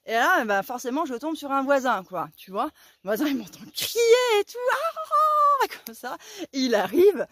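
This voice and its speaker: A young woman vlogger telling a story in casual, slangy speech, excitable and animated, acting out her own shouts. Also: sits high, moderate pace, a little hiss or hum.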